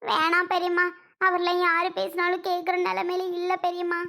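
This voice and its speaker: A woman voicing a distraught young village wife in a cartoon, with a southern Tamil accent and a slow, self-pitying lament. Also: very high voice, monotone, bright, forceful tone, full character voice. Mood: pleading. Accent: southern Tamil (Kanyakumari-Tirunelveli). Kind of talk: cartoon voice acting.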